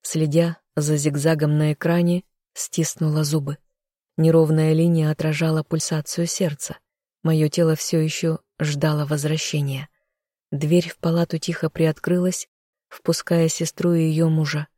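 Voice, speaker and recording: An audiobook narrator reads first-person narration in a measured way. The delivery is flat and even, with a mellow, dark tone. The recording is dry and close. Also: medium pitch, no room sound.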